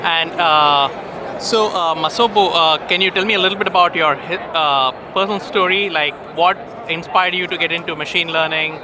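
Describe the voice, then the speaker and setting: A man's voice: a little high, fairly even intonation. Casual male interviewer on a noisy floor. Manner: casual, quick backchannels and friendly questions. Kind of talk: conference interview. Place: crowded conference poster hall.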